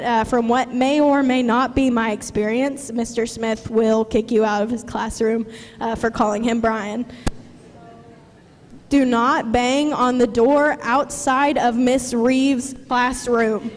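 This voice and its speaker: A teenage girl giving a graduation speech at a ceremony, nervous and full of fillers, joking and sincere. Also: high-pitched. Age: teens. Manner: nervous, many fillers, humorous then tearful. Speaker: graduating student speaker. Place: large hall at a graduation ceremony. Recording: reverberant hall, faint room noise.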